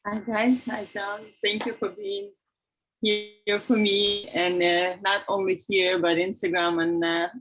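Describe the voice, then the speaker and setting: A woman from Ukraine introducing herself on a video call, grateful and warm. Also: mid-range voice, flat delivery, slow pace, muffled recording, soft background music. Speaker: workshop participant.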